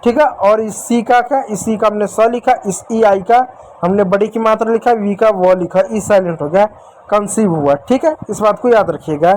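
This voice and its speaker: A man's voice: high voice, moderate pace, a little mellow, a little hiss or hum, rough recording. A male teacher giving a whiteboard spelling lesson, repeating himself and asking and answering his own questions. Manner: addresses viewers as dear children. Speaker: English teacher.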